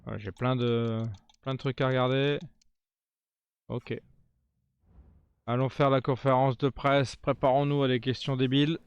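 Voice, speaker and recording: A man's voice: medium pitch, flat delivery, a little slow, pauses often, smooth, no echo, muffled recording. A man giving casual running commentary on his video game, given to sarcastic, grumbling asides. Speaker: gaming video creator.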